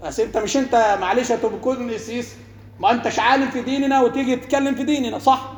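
Fast, high-voiced Egyptian sheikh. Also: male voice, steady tone. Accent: Egyptian Arabic. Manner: rhetorical questions to listeners, mixes formal and colloquial. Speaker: sheikh and preacher. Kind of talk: religious lesson. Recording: echoey hall with long reverb.

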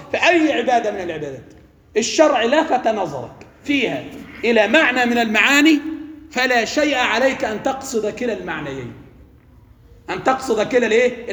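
A man's voice: high voice, fairly bright tone. A man with an Egyptian accent giving an interactive religious lesson, asking questions and letting the class finish his sentences. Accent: Egyptian Arabic. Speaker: religious teacher. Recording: echoey hall with faint ambience.

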